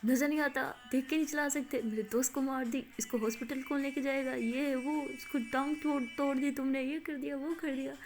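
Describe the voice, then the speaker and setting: A woman voicing a loud, pushy young man who complains brashly. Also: high-pitched, steady tone, normal speed, hardly any pauses, faint music behind, voice pushed up.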